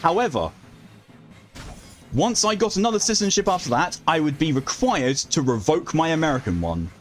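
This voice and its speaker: A man's voice: a little high, big pitch swings, normal speed. Wry, rambling male game streamer over music. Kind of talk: casual live game commentary and chat.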